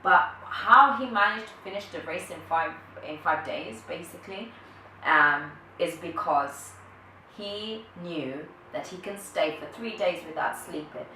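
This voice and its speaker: A woman's voice: lowish voice, a little slow, bright, forceful tone. A woman vlogger giving an earnest motivational talk to camera, thinking aloud with restarts. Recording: echoey room, distant from mic, faint noise.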